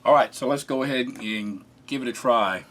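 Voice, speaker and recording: A man casually narrating a food taste test, relaxed and chatty, often pausing with fillers as he eats. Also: mid-range voice. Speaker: food reviewer.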